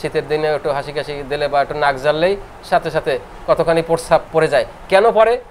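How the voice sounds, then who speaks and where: A middle-aged man from Bangladesh giving a classroom lecture, explaining points over and over and reciting verses slowly in a sing-song way. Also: a little high, flat delivery, slight background noise. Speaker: homeopathy lecturer.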